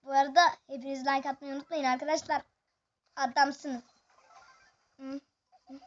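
High-voiced gaming host, excitable live play-by-play, chats to viewers, dull lo-fi home recording. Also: normal speed, soft background music. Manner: excitable, chatty, addresses viewers constantly. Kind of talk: excited live gameplay commentary.

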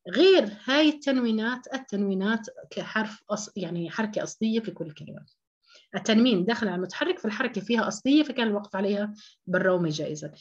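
A Quran recitation teacher with a slightly high voice gives an online tajweed lesson, explaining step by step. She repeats key terms and poses rhetorical questions. The recording is muffled.

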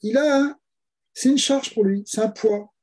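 Husky, mellow-voiced rabbi teaching. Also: male voice, sits high, unhurried. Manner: rhetorical questions, explains step by step, repeats key words. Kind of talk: Torah lesson.

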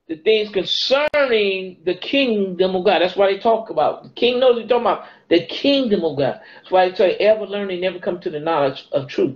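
A middle-aged man teaching the Bible informally to a phone camera in a small room, quoting scripture in a preaching cadence and lifting his voice on key words. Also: sits high. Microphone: phone camera held close. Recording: dull lo-fi phone audio.

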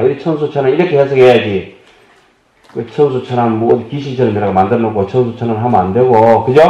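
A man's voice: mid-range voice, warm tone. A man giving a Buddhist dharma lecture, explaining terms and asking his listeners questions with folksy humor. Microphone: table microphone. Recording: dull echoey hall audio.

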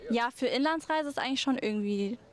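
A woman with a slightly high voice answering questions outdoors. She hesitates with small fillers and explains at length. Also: fast talker, crowd noise. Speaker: guest. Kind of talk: casual interview answers.

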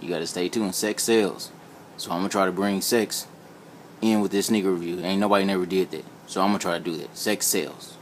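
In this casual vlog chat, an amateur sneaker reviewer from Indiana, United States, talks in a low-pitched, steady tone, a little fast, joking and rambling colloquially. An old flip phone held behind the camera captures him in a room at home, adding a little hiss or hum.

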